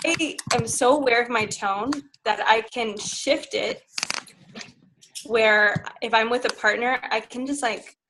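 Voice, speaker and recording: Woman sex coach, candid interview guest, frank and lively. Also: fairly high pitch, a little slow, noisy background. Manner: frank and animated, laughs while telling stories.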